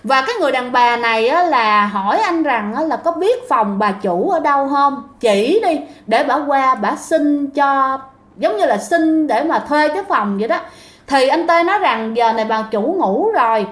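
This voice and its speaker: A woman's voice: high voice, expressive, moderate pace, a bit bright. A woman telling a ghost story in a chatty, casual way, talking straight to her listeners. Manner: chatty, addresses listeners directly. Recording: roomy echo.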